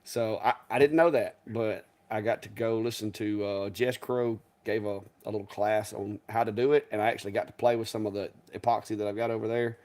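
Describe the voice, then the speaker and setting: A man's voice: on the low side, fairly even intonation, a little fast, hardly any pauses, a little mellow. A man co-hosting a live stream, talking casually in a rambling, folksy way. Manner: rambling, folksy, restarts and chuckles. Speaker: co-host.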